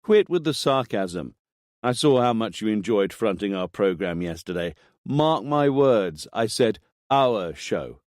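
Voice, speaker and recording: A man's voice: lowish voice, very animated, a little slow, darkish tone, no echo, clean studio sound. A man voicing a brash, cynical male TV producer who talks pushily and emphatically. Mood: pushy.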